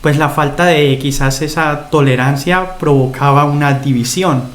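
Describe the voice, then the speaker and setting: A man's voice: a little high, fairly even intonation, normal speed. Thoughtful young man telling a story. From Spain. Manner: thoughtful, tells long personal stories. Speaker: podcast guest. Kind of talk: casual chat. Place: Germany.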